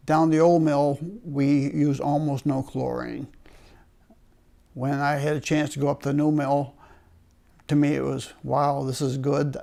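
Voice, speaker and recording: A man's voice: fairly high pitch, creaky, dark tone. An older man with a Maine accent, a retired worker telling stories from his working life in a wry, understated way. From Maine, United States. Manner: wry, understated humour with chuckles. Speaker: retired paper mill worker being interviewed. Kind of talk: oral history storytelling.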